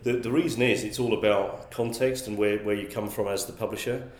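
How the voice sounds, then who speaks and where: A guest who publishes magazines, this Englishman talks fairly quickly in a steady voice on the low side. He responds to interview questions with care, restarting his sentences and repeating words often. Echo fills the room.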